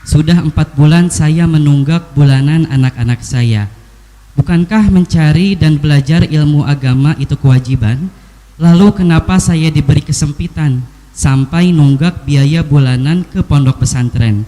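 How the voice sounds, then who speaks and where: A man's voice: a little high, normal speed, warm tone. A man reading out an earnest, pleading question to a preacher. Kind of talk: read-out question.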